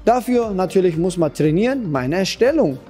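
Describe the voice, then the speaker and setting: Male self-defense coach for kids, warm and fairly high voice, patient and repetitive, simple broken phrasing, faint music behind. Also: animated, normal speed, husky. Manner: patient, repetitive, demonstrating as he talks. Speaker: Krav Maga kids' trainer. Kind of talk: instructional talk to children.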